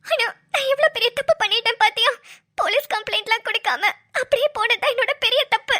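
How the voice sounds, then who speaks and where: A woman voicing a frightened but defiant young heroine in a cartoon, with a squeaky, tearful manner. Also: quick pace, sharp tone. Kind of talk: cartoon voice acting.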